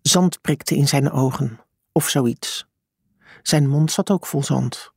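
A narrator reading a story in hushed, measured storytelling on a close studio mic. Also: mid-range voice, gravelly, slightly rough, dry recording. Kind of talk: audiobook narration.

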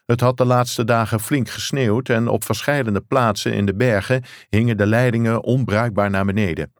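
Low-voiced male audiobook narrator. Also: fairly even intonation, moderate pace, no echo, clean studio sound. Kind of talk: scripted narration.

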